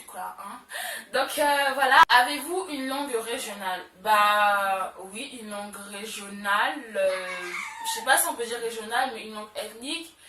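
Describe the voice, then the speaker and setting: A woman's voice: mid-range voice, sharp tone. A young woman talking casually to her camera as a beauty vlogger, chatty, with lots of fillers and repeated words for emphasis. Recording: roomy echo, a bit far from mic.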